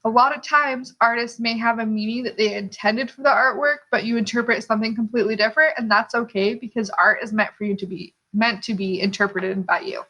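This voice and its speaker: A woman's voice: a little high, steady tone, brisk, few pauses, pushed and bright, lo-fi sound. A woman giving an instructional lesson like a teacher, posing questions to the listener and checking in with small tags as she explains. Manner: rhetorical questions, checking in with "okay". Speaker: art teacher.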